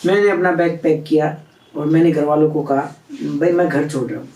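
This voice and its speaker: A man with a high voice tells a long personal story to an interviewer. He acts out the lines of the people in it as he goes. The sound is roomy and picked up from some distance. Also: a little fast. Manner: animated storyteller acting out quoted dialogue. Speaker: interview guest.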